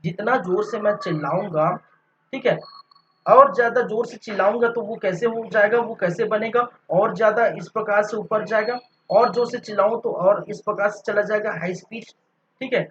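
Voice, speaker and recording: A male teacher quizzing his own class. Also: sits high. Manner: explains by asking and answering his own questions, fills pauses with "theek hai". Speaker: physics teacher. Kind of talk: online classroom lecture. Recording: slightly dull recording with faint background noise.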